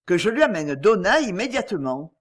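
A reader voices a puzzled male police inspector in an audiobook mystery, reporting back and voicing doubts. He sounds plain and bewildered, and his pitch rises and falls in a lively way. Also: moderate pace. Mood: doubtful.

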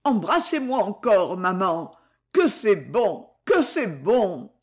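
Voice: mid-range voice, big pitch swings, slow, breathy edge, exaggerated voice. A reader voicing a dying young man in an audiobook, who talks in trembling, breathless pleading. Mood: feverish pleading. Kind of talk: audiobook character reading.

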